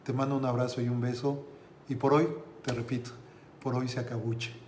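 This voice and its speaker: A man coaches his audience, speaking directly to them with slow, dramatic pauses. His pitch sits in the middle range. The room adds a noticeable echo, with faint ambient noise beneath. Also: flat delivery. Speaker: motivational coach. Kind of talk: motivational storytelling talk.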